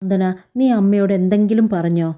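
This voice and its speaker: A woman's voice: medium pitch, steady tone, fairly quick, muffled recording, lightly acted. A woman reading as a worried young husband. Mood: reasoning. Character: young husband, worried, caught between wife and mother.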